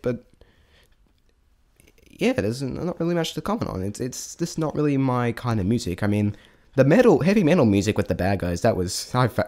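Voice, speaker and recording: This man, speaking in a mid-range, slightly mellow voice, offers an unscripted review as an amateur. He rambles and hesitates, stammering frequently and abandoning thoughts halfway through.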